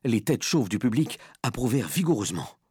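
A man narrating a dark storybook with expressive delivery. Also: mid-range voice, fairly quick, husky, no echo, studio quality. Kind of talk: audiobook narration.

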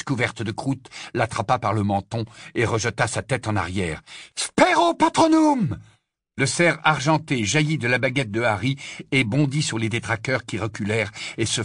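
A man reading a fantasy novel aloud as an audiobook narrator, with expressive storytelling. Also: fairly low pitch, slightly rough, dry recording, clean studio sound. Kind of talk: scripted narration.

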